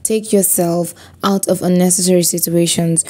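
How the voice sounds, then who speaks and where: A woman speaks to her viewers in a motivational vlog, warm and mellow in tone. She preaches with emphasis, hammering phrases again and again. She also poses rhetorical questions to the listener. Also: fairly low pitch, level tone, normal speed. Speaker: motivational vlogger. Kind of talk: motivational talk to camera.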